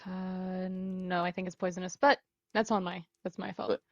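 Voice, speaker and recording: A woman's voice: lowish voice, level tone, normal speed, no echo. A woman playing a tabletop game, bantering and laughing with the game master. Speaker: player. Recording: dull, dry lo-fi mic.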